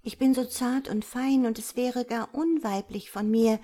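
A woman's voice: fairly high pitch, fairly even intonation, measured pace, dark tone, voice pushed up. A woman voicing a timid, dainty female lark in whispered role-play, speaking coyly.

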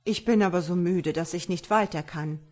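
A woman's voice: on the low side, moderate pace, a little mellow, lightly acted. A woman voicing an earnest young male wanderer.

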